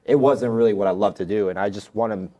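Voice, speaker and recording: Here a tattoo artist from the United States, in his thirties, swears now and then as he tells casual, slangy stories on a podcast he's guesting on. His voice is dark in tone and fairly low, and he talks fast.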